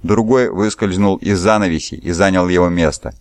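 A man reading an audiobook in steady, scripted narration. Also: low-pitched, moderate pace, dry recording, clean studio sound. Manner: steady storytelling. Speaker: audiobook reader.

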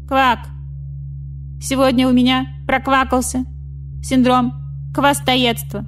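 An officious frog messenger who croaks through every announcement, as a woman puts it on. The voice is raised and formal, with a slightly pinched sound. It is a storybook animal character. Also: sits high, voice pushed up. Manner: officious, keeps punning on croaks.

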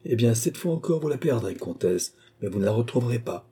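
A man voicing a composed, mysterious sorcerer count who delivers prophecies calmly. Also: mid-range voice, brisk, breathy edge. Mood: knowing.

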